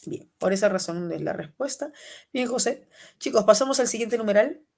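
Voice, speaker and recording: A woman with a Peruvian Spanish accent teaching an online exam-prep class, quizzing students by name in a lively way. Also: medium pitch, normal speed, creaky. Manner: lively, calls students by name, asks and answers questions.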